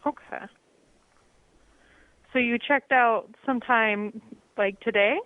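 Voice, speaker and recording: A woman's voice: a little high, slow pace, no echo. Reassuring woman over a tinny phone line. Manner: patient, reassuring. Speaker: hotel front desk staff.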